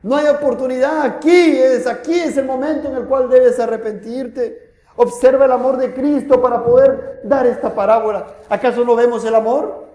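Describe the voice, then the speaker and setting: A man preaching a sermon with fervent rhetorical questions, his voice swinging between loud and hushed. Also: very high-pitched, steady tone, normal speed, reverberant. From Peru. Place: church.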